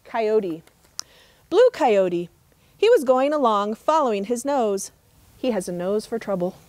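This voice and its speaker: A middle-aged woman, a park ranger, reading a trickster tale as expressive, measured storybook narration outdoors. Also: fairly high pitch, no room sound. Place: outdoors in open desert.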